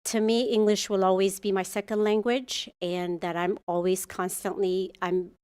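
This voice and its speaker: Woman with Ethiopian accent, muralist, earnest, halting, restarts sentences. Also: medium pitch, flat delivery, darkish tone, clear, resonant tone. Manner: earnest, searching for words, many restarts. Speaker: muralist at a public commission meeting. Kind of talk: public comment at a meeting. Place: city council chamber.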